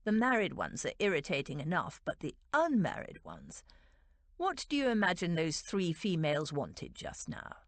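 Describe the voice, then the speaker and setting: A woman's voice: fairly low pitch, wildly swooping pitch, normal speed, dry recording. A woman narrator voicing an arrogant duke with a dry, disdainful drawl in a romance audiobook. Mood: disdainful, smug.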